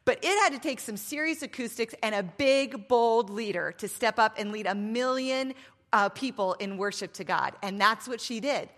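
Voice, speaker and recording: The long reverb of a large hall surrounds a woman in her fifties as she gives a miked faith talk at a women's event. Her pitch is fairly high, her tone fairly bright, her pace normal, and her delivery emphatic, playful and full of asides.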